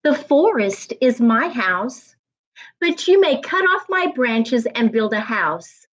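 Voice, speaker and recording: A woman voicing a loving, self-sacrificing female tree in a storybook, gentle and soft-spoken. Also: on the high side, sing-song, takes it slowly, heavily acted. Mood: tender, giving.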